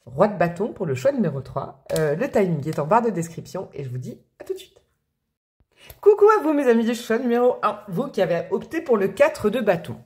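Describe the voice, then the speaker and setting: Bubbly french woman chatting through a tarot reading, slangy and warm to her viewers, lots of euhs. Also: medium pitch, very animated, fairly quick. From France. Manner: chatty, bubbly, slangy and affectionate, with many fillers. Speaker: tarot reader and channel host. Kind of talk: casual tarot reading to camera.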